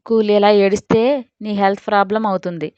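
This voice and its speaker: A woman voicing a calm hospital doctor who speaks gently in a storybook drama. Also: mid-range voice, brisk, smooth, dry recording, highs cut off, lightly acted. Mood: sympathetic.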